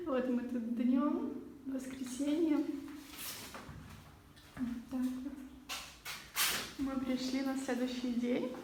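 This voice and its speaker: Woman vlogger, chatty, high voice, heavy empty-room echo, faint hiss. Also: dark tone. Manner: chatty, showing things around. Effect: strong echo of a bare empty room. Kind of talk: casual video tour. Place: empty unfurnished apartment being renovated.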